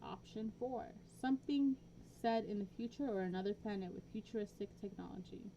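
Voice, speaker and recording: A woman's voice: mid-range voice, a little fast, warm tone, muffled recording. Dry, offhand woman over a hissy line. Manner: dry, offhand, reads quiz questions aloud. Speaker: podcast co-host. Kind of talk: casual chat.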